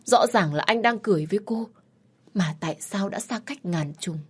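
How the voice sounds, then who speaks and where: A woman's voice: medium pitch, moderate pace, darkish tone, slightly rough. A woman narrating a sad family story in a somber, emotional way.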